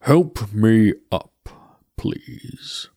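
A man voicing Death, a calm, courteous male skeleton, speaking slowly and gravely with a hollow, otherworldly tone. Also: lowish voice, dry recording, studio quality, exaggerated voice. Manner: slow, measured, grave delivery.

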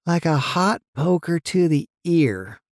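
Fussy, talkative office lady, high and bright, voiced by a man, on a dry audiobook track. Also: lively intonation, slow pace, creaky, dry recording, full character voice. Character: chatty motherly middle-aged office woman.

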